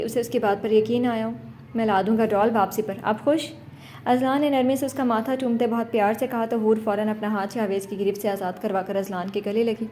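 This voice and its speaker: Woman reading a romance novel aloud, slightly high voice, mellow, smooth storytelling. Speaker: audiobook narrator. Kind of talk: scripted novel narration.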